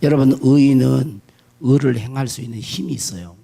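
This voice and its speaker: A man preaching a sermon as pastor, putting questions to the congregation and answering them himself, moving from hushed asides to shouted declarations. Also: medium pitch, normal speed, vocal fry, slightly rough.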